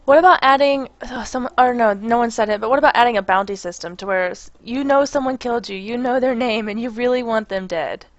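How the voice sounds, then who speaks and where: A woman's voice: a little high, a little fast, few pauses, no echo, highs cut off. A woman interviewer asking questions in a chatty, playful way. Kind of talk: casual interview questions over an online call.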